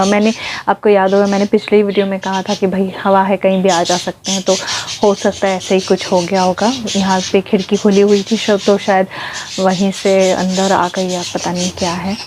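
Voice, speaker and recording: A woman vlogger casually recounting her own ghost experience, speaking very softly and mixing in English words. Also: medium pitch, background noise. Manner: speaks very softly, near a hush; mixes in English words, frequent fillers like okay. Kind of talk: casual first-person storytelling.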